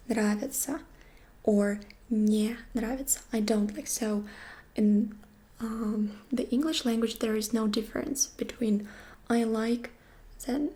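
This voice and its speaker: A Russian language teacher whispers a gentle ASMR lesson in a slightly high, mellow voice. She explains slowly and patiently, taking her time over every phrase.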